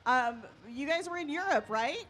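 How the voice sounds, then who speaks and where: A woman's voice: high-pitched, lively intonation, moderate pace, fairly bright tone. A woman interviewing a band at a festival, chatty and giggly, full of fillers.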